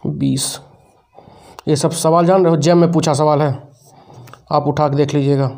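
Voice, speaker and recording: A man's voice: on the high side, steady tone, moderate pace, warm tone. A man from teaching chemistry at a board, counting electrons aloud and quizzing his students. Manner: counts aloud step by step, drills students with questions. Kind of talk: whiteboard lecture.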